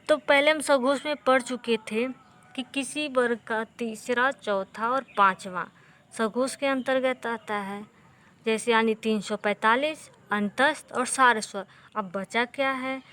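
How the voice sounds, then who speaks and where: A woman teacher explaining Hindi grammar to exam students, slow and patient, repeating key terms and drilling the letters aloud. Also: on the high side, a bit bright, slight background noise.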